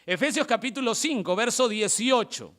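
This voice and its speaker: A male pastor preaching a sermon in church, emphatic and lively, reading scripture aloud slowly between his explanations. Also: extremely high pitch. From Peru.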